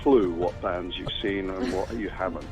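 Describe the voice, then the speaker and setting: An actor and author telling a casual anecdote in a wry, emphatic way. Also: male voice, deep voice, steady tone, normal speed, over music.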